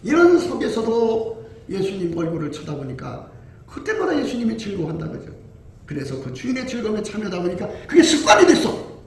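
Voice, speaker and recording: Korean pastor guy preaching, high voice, booming echo from far off the mic. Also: a little fast. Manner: animated preaching with laughs and quoted dialogue. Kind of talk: sermon. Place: church hall. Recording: echoey hall from far off with faint noise.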